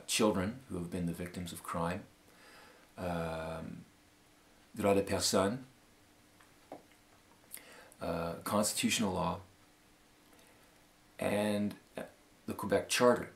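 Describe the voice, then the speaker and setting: A Canadian man in his fifties giving a formal, measured appeal statement with many pauses and fillers. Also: sits low. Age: 50s. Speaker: law school applicant.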